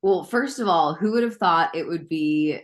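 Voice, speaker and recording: A woman guest on a tennis podcast, giving thoughtful, measured opinions over a video call. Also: fairly low pitch. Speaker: guest commentator. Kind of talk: casual interview chat.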